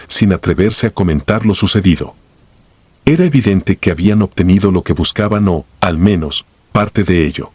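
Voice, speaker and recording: A man with a deep, husky voice tells a first-person horror story in a grave, steady scripted narration. The sound is dry and close, with no room around it. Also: no echo.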